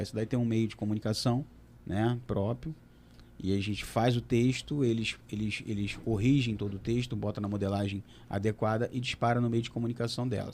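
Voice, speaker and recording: A man representing a water utility, answering audience questions on a panel in a halting way, with many fillers and restarts. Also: lowish voice, darkish tone, slight background noise.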